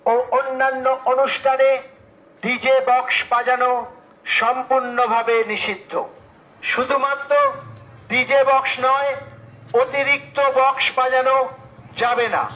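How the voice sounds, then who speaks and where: Man through a megaphone, very high flat voice, formal measured proclamation, echoey loudspeaker. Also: lo-fi sound. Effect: through a megaphone on a moving vehicle. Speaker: police announcer. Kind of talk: formal public announcement. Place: outdoors on a street. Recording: echoey loudspeaker with faint traffic.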